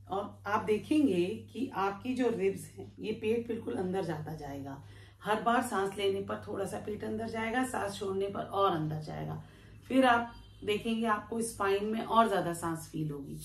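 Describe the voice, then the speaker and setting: A woman yoga teacher giving a calm, step-by-step breathing lesson while she demonstrates it. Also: mid-range voice. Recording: echoey room with faint background noise.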